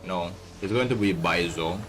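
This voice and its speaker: Deep-voiced laid-back gamer guy. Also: moderate pace, faint music behind. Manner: laid-back, calls everyone bro, reads chat aloud. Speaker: game streamer. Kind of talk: casual live-stream chat while playing.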